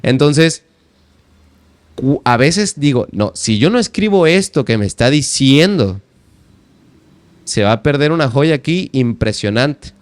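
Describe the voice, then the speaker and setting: Speaking unhurriedly and pausing often in a mid-range voice, a twenty-something poet and language teacher with a Mexican Spanish accent chats as a guest on a casual podcast. He's an animated storyteller who acts out his own quoted lines, and the recording has no room sound.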